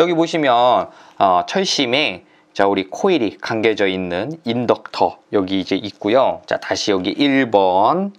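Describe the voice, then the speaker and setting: Man, online exam-prep teacher, chatty, filler-heavy, mid-pitched. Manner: chatty, uses many fillers and drawn-out "ja". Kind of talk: online lecture.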